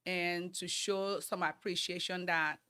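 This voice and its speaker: A woman's voice: on the low side, fairly even intonation, unhurried, pushed and bright, clean tone. A woman, giving earnest, upbeat interview answers as a guest. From Nigeria. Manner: earnest, upbeat, talks in long runs. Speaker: guest, model trainer and banker.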